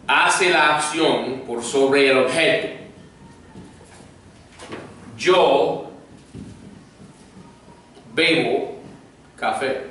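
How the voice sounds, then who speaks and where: A man's voice: fairly high pitch, a bit bright. A man teaching a Koine Greek grammar class, patiently drilling vocabulary and asking the students to repeat after him. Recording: echoey room, mic far off, faint noise.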